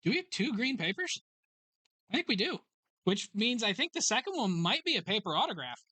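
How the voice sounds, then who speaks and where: Card break host calling pulls at a card shop, bright forward voice, dry close sound, quick matter-of-fact roll call of names and numbers. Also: medium pitch, very animated, husky, no echo. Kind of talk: live card break commentary.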